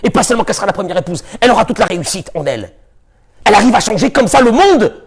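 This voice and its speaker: Animated high-pitched preaching man. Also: very fast, crowd noise. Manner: animated, shifts between shouting and muttering. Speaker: rabbi. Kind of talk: sermon.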